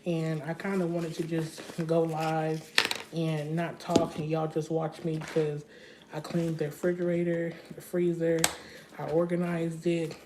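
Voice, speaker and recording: Woman, young adult, casual livestream cooking chat, rambling, home kitchen, lowish voice, noisy audio. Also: completely flat delivery, unhurried. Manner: chatty, loose and rambling, talks straight to viewers.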